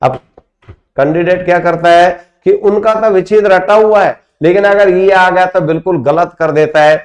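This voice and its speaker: A man with a somewhat high voice teaches a grammar lesson at the board. He works through examples step by step, calling his students friends and asking them questions he then answers himself. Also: normal speed. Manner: explains step by step, asks rhetorical questions.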